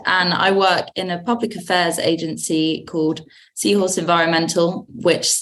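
A woman's voice: lowish voice, low-quality recording. A woman co-hosting a podcast, speaking conversationally. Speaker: podcast co-host.

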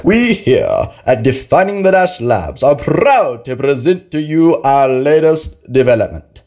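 A man playing an earnest salesman in a scripted parody infomercial, giving a grandiose pitch for an absurd product. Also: sing-song, unhurried, darkish tone. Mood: grandly earnest. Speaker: advertisement announcer.

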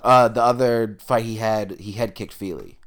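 A man's voice: on the low side, moderate pace. A man co-hosting a podcast, giving confident opinions in casual sports talk. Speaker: podcast co-host.

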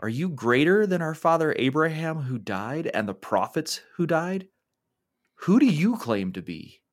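A man's voice: fairly high pitch, sing-song, measured pace, voice pushed up. Angry old temple teachers, read out by a guy, pushy challenging tone. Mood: indignant.

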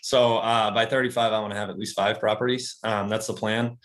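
A man in his early thirties, a real estate agent and investor, talks casually as an interview guest in a relaxed, rambling way with many fillers and restarts. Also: on the low side, brisk. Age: 30s.

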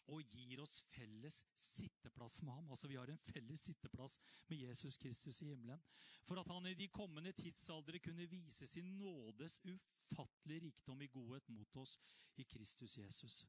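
Animated male preacher. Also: on the high side, dry recording. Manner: conversational, rising to animated outbursts. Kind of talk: sermon.

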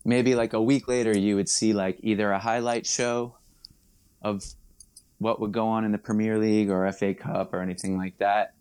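A man, chatting as a guest in a casual interview, rambling and correcting himself with quick laughs. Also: fairly low pitch, little pitch movement, darkish tone, clear, resonant tone. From Long Island, New York. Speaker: musician guest.

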